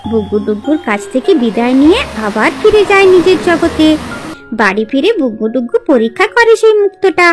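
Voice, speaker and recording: A woman narrates a children's fairy tale from a script in an expressive, dramatic storytelling style, with music playing underneath. Her voice sits high and her pace is brisk.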